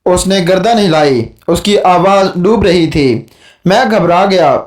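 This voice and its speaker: A man narrating a horror story for an audiobook in a steady, dramatic reading style. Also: high-pitched, roomy sound, recorded from a distance.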